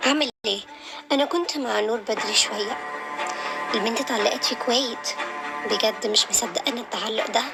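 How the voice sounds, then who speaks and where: Teen girl doing a soft-spoken caring friend. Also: on the high side, quick pace, gravelly, over loud music. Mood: soothing. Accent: Egyptian Arabic. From Tunisia. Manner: soft, soothing, quiet. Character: caring young woman, soothing friend. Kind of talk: amateur animated-app drama voicing.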